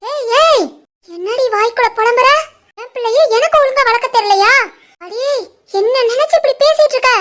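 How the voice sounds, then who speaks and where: A woman voicing a proud, scolding middle-aged mother-in-law in an animated family story, with a Tirunelveli Tamil accent. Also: brisk. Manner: shrill, scolding.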